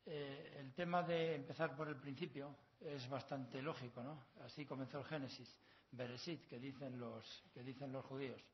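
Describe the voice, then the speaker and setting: A middle-aged man from La Mancha, a university professor with a Castilian accent, speaks at normal speed in a mid-range voice with fairly even intonation during a conference lecture. He's erudite and digressive, fond of proverbs and learned asides. Slight background noise and dull, lo-fi sound fill the long hall.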